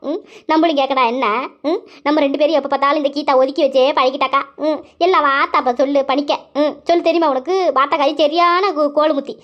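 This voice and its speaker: A woman's voice: sits high, steady tone, fast, highs cut off, lightly acted. Woman voicing a whiny younger aunt. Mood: plotting. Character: younger sister aunt, petty and whining. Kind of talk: cartoon voice acting.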